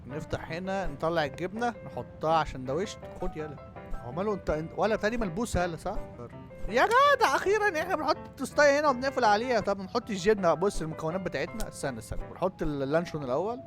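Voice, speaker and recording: A man with an Egyptian Arabic accent giving jokey, excitable commentary on a horror game, yelping when startled. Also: sits high, very fast. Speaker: gaming YouTuber. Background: game music.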